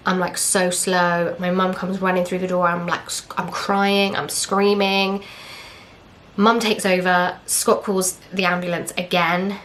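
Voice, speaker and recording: Young English woman vlogger, chatty and candid, low flat delivery, slight hiss behind. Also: a little slow. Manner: candid, chatty, retells with quoted dialogue and fillers. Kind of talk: casual storytelling.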